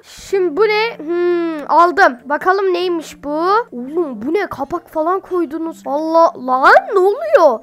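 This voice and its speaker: A woman with a very high, piping voice talks through a game as she plays, chatty and excitable. She keeps breaking into loud exclamations and mock commands to her troops. She is sick while recording. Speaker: gamer. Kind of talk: let's-play game commentary.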